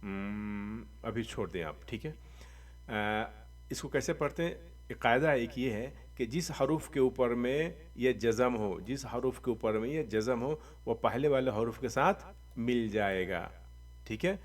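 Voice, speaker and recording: A man teaching Quran reading, spelling out letters and vowel marks slowly and drawing them out, with quick explanations in between. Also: mid-range voice, distant mic. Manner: slow drawn-out recitation of letters, quick asides. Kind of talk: spelling out syllables in a lesson.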